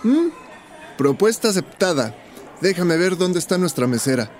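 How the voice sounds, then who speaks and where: A man's voice: high-pitched, big pitch swings, normal speed, a little mellow, soft background music. A man with a Mexican accent, talking in an easygoing way in a scripted dialogue. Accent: Mexican Spanish. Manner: easygoing, conversational. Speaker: character Roberto in a teaching dialogue.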